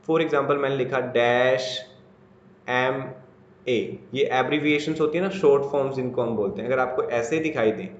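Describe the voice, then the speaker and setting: A man's voice: medium pitch, echoey room, highs cut off. A man from India with a Haryanvi Hindi accent gives a classroom grammar lecture, asking questions and answering them himself. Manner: asks and answers his own questions, repetitive. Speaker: teacher.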